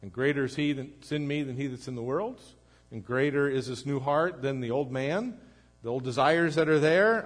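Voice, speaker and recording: Earnest preacher man, slightly high. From United States. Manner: earnest preaching, rising to emphatic then dropping low and quiet. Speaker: pastor. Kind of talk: sermon.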